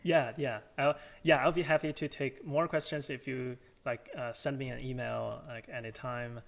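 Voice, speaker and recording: A man with a tired voice fields questions after his research talk. He speaks haltingly at a middle pitch, working out his answers as he goes. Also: steady tone, gravelly. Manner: halting, restarts often with fillers. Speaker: guest speaker.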